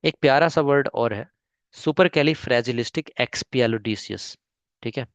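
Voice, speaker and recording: A man's voice: mid-range voice, brisk, no echo. A man with an Indian accent teaching spoken English online, breaking long words into syllables and checking in often with his students. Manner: patient, repeats "ठीक है?" often, spells words syllable by syllable.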